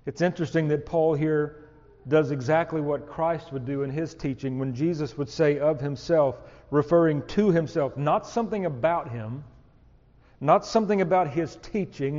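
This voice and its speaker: A man preaching an expository sermon, slow and emphatic, rising on key words. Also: on the high side, warm tone, big-room sound, dull audio.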